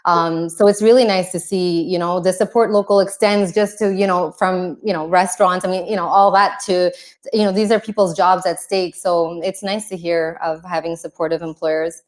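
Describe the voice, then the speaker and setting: A woman's voice: lowish voice, fairly even intonation, normal speed. A woman hosting a casual interview, enthusiastic, with many "you know" fillers. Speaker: interviewer host.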